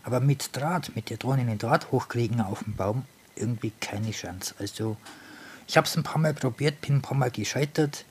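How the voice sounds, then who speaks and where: A man of middling pitch talks casually through a hands-on demonstration. He thinks aloud, stopping to repeat and reword his phrases. The handheld indoor recording carries a little background noise. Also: moderate pace. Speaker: hobby tinkerer presenting experiments.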